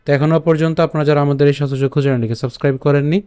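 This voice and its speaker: ধীরে শ্লোক উচ্চারণ শেখানো বাঙালি পুরুষ শিক্ষক. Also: male voice, a little high, level tone, mellow, smooth. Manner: chants verses slowly, then explains quickly. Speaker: Gita recitation teacher. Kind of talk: slow syllable-by-syllable recitation lesson.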